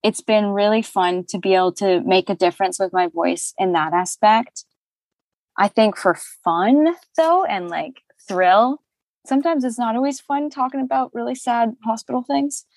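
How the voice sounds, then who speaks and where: Young woman voice actor, chatty and animated, mid-pitched, dry close sound; casual interview guest. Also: normal speed, no echo. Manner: chatty, animated, laughs often, many fillers.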